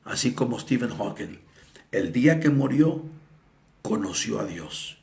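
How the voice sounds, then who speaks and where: A male evangelist preaching a sermon, telling stories dramatically and acting out the people in them, sometimes with shouts. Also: medium pitch, animated, measured pace, creaky. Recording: echoey room.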